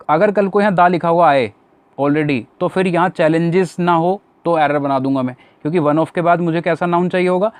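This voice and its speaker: A man's voice: a little high, no room sound. A man teaching English grammar for exam preparation, explaining each rule step by step and asking and answering his own questions. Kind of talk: exam-prep grammar lesson.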